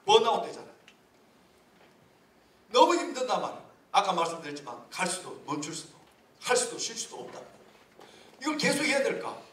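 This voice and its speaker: A man preaching a sermon as a pastor, lively and humorous, with many rhetorical questions. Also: high voice, fairly quick, long pauses, a little hiss or hum. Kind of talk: sermon at a leaders' retreat. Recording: echoey hall from far off.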